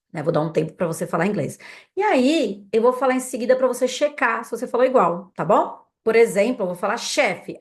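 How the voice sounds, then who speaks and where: A young adult woman with a Brazilian Portuguese accent teaching English vocabulary, calling out words for learners to repeat after her. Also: medium pitch. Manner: slow, patient repeat-after-me drilling. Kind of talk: language lesson drills.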